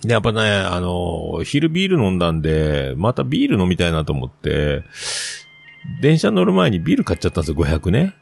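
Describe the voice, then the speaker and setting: A man's voice: deep voice, sing-song, fairly quick, vocal fry, slightly rough. A man in his forties, a podcast host rambling through a funny travel anecdote with lots of fillers. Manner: rambling, self-amused anecdote with many fillers. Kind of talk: casual storytelling monologue.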